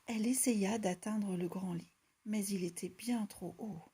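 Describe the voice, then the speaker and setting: A woman reading a children's story aloud in a soft, hushed, half-whispered voice. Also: medium pitch, unhurried, breathy edge.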